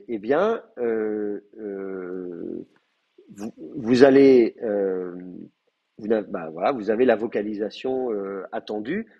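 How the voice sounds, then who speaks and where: Hesitant male teacher, husky and lo-fi. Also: lowish voice. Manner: hesitant, many fillers, explains step by step. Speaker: Hebrew teacher. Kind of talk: live class lecture.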